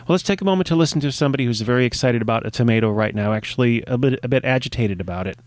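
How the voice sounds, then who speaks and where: A man's voice: mid-range voice, racing, darkish tone, no echo. A man hosting a radio show, chatting casually in a playful, meandering way. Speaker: radio host.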